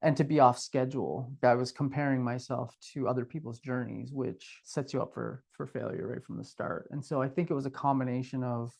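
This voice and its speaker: Man, middle-aged, gravelly, mid-pitched, candid, reflective podcast chat. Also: fairly even intonation, fairly quick, few pauses, a little mellow. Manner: reflective, candid, self-deprecating. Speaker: podcast co-host. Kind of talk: casual conversational podcast.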